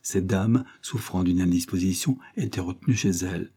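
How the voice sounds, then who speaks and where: A man narrating an audiobook in a steady storytelling manner. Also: low voice, normal speed, breathy edge. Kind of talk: scripted narration.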